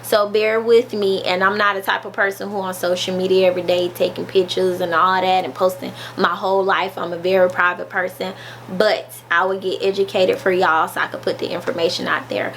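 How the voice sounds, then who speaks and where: A woman's voice: lowish voice, level tone, fairly quick, gravelly, fairly bright tone, slight background noise. A woman nurse, talking casually to her viewers in a chatty, folksy way with many fillers. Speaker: nurse vlogger. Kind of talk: casual informational vlog.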